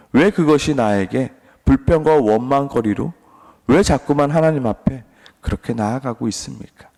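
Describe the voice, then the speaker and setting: A pastor preaching an earnest sermon, asking repeated rhetorical questions. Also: male voice, mid-range voice, a little mellow. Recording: long reverb.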